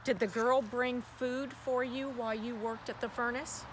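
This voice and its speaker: This woman, hosting a paranormal spirit box session, speaks at a moderate pace in a slightly high, steady voice. She asks the spirits questions out loud and tends to repeat herself, while the recording is noisy and clicky.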